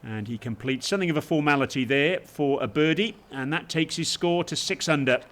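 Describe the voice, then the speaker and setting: A man working as a golf commentator, giving measured television highlights commentary with brief exclamations. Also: fairly bright tone.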